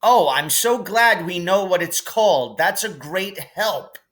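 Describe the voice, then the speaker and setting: A man voicing a blunt, sarcastic and excitable young boy in a storybook, with an exasperated manner. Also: mid-range voice, measured pace, voice pushed up. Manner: snarling, exasperated.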